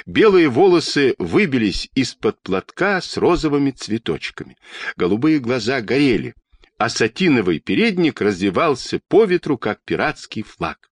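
A male storyteller reads a children's tale expressively. His voice rises and falls dramatically, and the recording is dry, with no room sound. His pitch sits in the middle. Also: moderate pace, husky, dry recording. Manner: expressive, animated reading. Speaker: narrator. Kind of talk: storybook reading.

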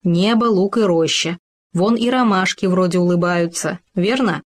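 A self-assured male hamster from a storybook who lectures his friend with patient insistence. A woman gives him voice while reading. He sounds steady and sure of himself. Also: lowish voice, moderate pace, natural voice. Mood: coaxing.

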